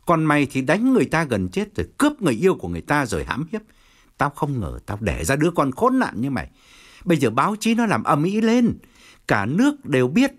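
A man voicing a stern, furious middle-aged provincial chairman who scolds harshly. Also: fairly high pitch. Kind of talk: audiobook character voice.

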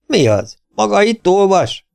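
A man's voice: medium pitch, steady tone, darkish tone, lightly acted. A man voicing a stern small-town sheriff who gives firm, emphatic orders. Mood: commanding.

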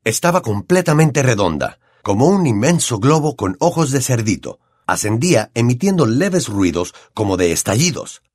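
A man with a Latin American Spanish accent narrating an audiobook in an expressive storytelling manner. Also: mid-range voice, normal speed, hardly any pauses, dry recording, studio quality. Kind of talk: scripted narration.

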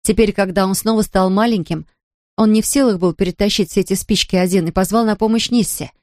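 A woman reading a children's story aloud at a middle pitch. Her telling is gentle and steady. The recording is dry and close. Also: fast talker, no echo. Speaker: narrator.

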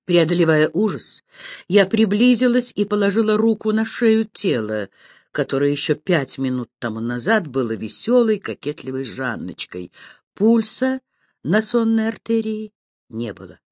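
Expressive woman reading an audiobook. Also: on the low side, moderate pace, no echo, studio quality. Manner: expressive, animated storytelling. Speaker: audiobook narrator. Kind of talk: scripted first-person narration.

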